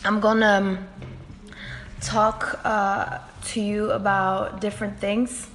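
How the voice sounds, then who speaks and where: A woman's voice: medium pitch, flat delivery, takes it slowly, a bit bright, poor audio. A woman hosting an interview, asking questions hesitantly with many ums and uhs. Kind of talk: casual interview chat.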